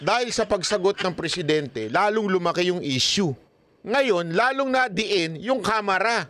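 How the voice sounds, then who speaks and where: A man talking as a guest on a political podcast, animated and scolding, often laughing as he speaks. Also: sits high, measured pace. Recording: noisy recording.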